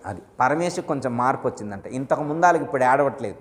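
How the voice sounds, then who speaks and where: A man's voice: medium pitch, lively intonation, fast, a little hiss or hum. A man, a guru, giving a devotional discourse to his disciples, telling stories and asking his listeners questions. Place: ashram hall. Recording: long hall reverb.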